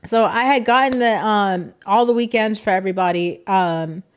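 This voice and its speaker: A woman's voice: mid-range voice, normal speed, smooth. A young woman streamer talking casually and emotionally to her chat, rambling and thanking viewers.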